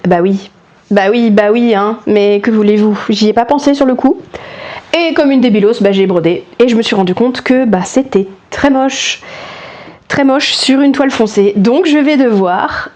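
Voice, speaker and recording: Chatty self-mocking woman, fairly high voice. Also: normal speed, darkish tone. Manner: chatty, self-mocking, lots of restarts and fillers. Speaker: cross-stitch vlogger. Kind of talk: casual chat. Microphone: lapel mic.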